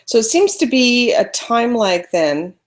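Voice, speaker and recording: A slightly high, very animated woman speaks loudly at a measured pace as she leads a casual photography webinar live. Her screen sharing gives her trouble, and she chats through it on a computer mic.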